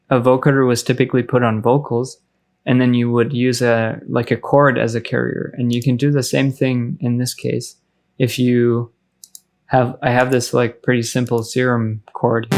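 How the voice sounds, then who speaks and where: A man with a mid-range voice narrates a casual software tutorial as a music production tutor, speaking in an informal, explanatory way.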